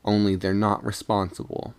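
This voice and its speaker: A man's voice: fairly low pitch, level tone, moderate pace, vocal fry. A man voicing a cynical, scornful sea captain in a storybook reading, with a dismissive way of talking. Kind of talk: storybook character dialogue.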